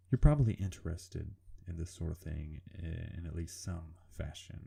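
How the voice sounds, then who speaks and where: A man with a rumbly, serial-killer-like voice, giving informal, hesitant, self-deprecating commentary over a drawing video, with casual swearing. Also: creaky, dark tone, husky. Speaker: artist narrating a drawing video.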